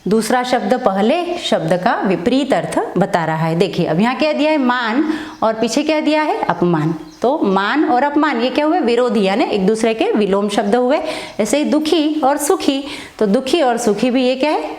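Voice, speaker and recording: A woman's voice: a little high, lively intonation, normal speed, a little mellow, reverberant. A woman teaching a Hindi lesson, asking questions and answering them herself as she goes. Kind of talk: online classroom lesson.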